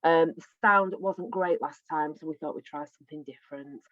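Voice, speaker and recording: A woman's voice: sits low, normal speed, fairly bright tone, dry recording. Tinny-sounding woman in a wardrobe. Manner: chatty, friendly, thinks aloud. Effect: tinny, boxed-in sound. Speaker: podcast co-host. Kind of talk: casual podcast chat. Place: inside a clothes wardrobe. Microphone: no proper microphone. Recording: tinny, dull, dry home recording.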